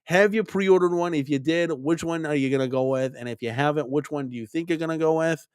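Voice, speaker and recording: A man's voice: a little high, brisk, darkish tone, clean tone, no echo, studio quality. A man hosting an arcade-collecting live stream, chatting casually and rambling, with lots of "right?" and "like" and repeated words. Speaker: arcade collector vlog host.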